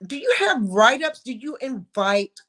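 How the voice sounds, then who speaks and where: A woman's voice: sits high, very animated, measured pace, fairly bright tone. A woman about to turn sixty, hosting an interview and gushing with effusive praise for her guest. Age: 50s. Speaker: interviewer host. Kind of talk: casual interview.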